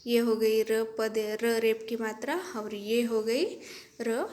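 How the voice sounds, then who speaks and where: A woman's voice: a little high, completely flat delivery, takes it slowly, darkish tone. A woman teacher giving a children's lesson, patient and repetitive, checking in with the class often. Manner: patient, repeats each point, checks in with "ok".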